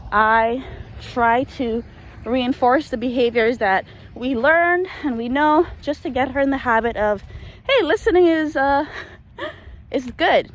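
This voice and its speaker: A woman chatting casually to camera as she walks and handles her dog, explaining things like an owner giving training tips. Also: high-pitched. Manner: talking while out walking and handling a dog. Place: out on a walk with a dog. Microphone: handheld camera microphone. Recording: noisy handheld camera recording.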